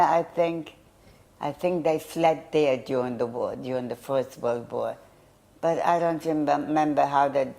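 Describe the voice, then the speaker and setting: With a rumbling low, dark voice, an older woman from Poland, German her first language, recalls childhood in an oral history interview, hesitating and restarting as she searches for words.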